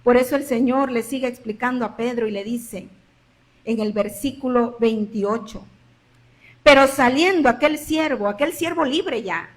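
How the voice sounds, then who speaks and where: A woman pastor with a Mexican Spanish accent preaching a sermon, swinging between loud emphasis and hushed drops and repeating phrases for emphasis. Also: sits high.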